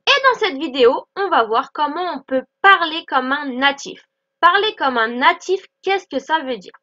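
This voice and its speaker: A woman teaching English in in an online lesson, explaining clearly and repeating example phrases slowly. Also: high-pitched, lively intonation, bright, forceful tone, muffled recording.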